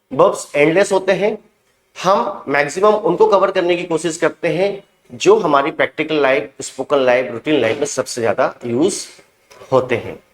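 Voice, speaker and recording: A man with a high-pitched voice takes learners through English verb forms in a steady drill. He says each word slowly and carefully and repeats it twice. The sound carries an echo from the room. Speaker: English teacher. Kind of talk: spoken vocabulary drill.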